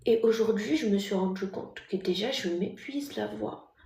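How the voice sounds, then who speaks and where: A woman's voice: mid-range voice, moderate pace, reverberant. A woman streaming live, chatting casually with viewers in a mocking, talkative manner. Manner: chatty, mocking, talks loudly by habit. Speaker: livestreamer.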